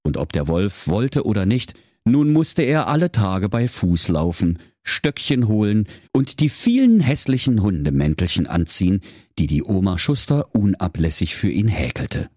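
Husky man telling a comic fairy tale. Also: on the low side, normal speed, no echo, studio quality. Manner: playful, expressive. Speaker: storyteller. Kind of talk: comic storybook narration.

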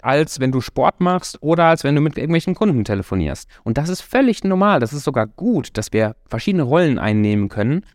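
A man's voice: medium pitch, darkish tone, dry recording, clean studio sound. A man giving a motivational talk as a coach, speaking directly and encouragingly to the listener and stretching his key words.

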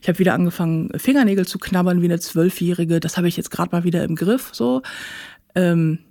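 Woman, interview guest, candid and matter-of-fact, gravelly voice, dry close sound. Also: on the low side, brisk, mellow, no room sound. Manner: candid, matter-of-fact about painful events. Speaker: guest, author. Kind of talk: personal interview account.

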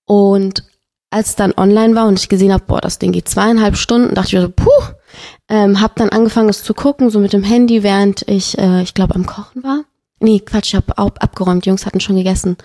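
Warm-voiced woman telling a story with feeling. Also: mid-range voice, brisk. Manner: emotional, animated storytelling. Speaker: podcast guest. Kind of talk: casual chat.

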